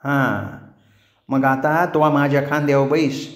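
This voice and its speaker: A man's voice: mid-range voice, steady tone, takes it slowly, close to an everyday voice. A man voicing a mischievous, bold village girl in a rural Marathi dialect, scolding and teasing. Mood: bossy teasing. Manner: scolding, loud, playful. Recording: roomy echo.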